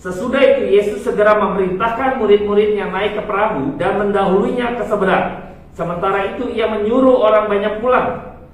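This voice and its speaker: A man leads a church Bible reading and sermon in a halting way, full of fillers and small corrections. His voice sits fairly high for a man. It comes from far off the mic in a strongly echoing hall. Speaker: preacher.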